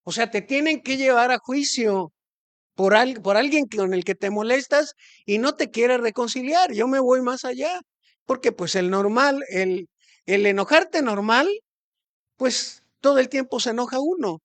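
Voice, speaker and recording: A man's voice: very high voice, measured pace, fairly bright tone. A man preaching a sermon as pastor in a church hall, talking conversationally with rhetorical questions and hesitant restarts.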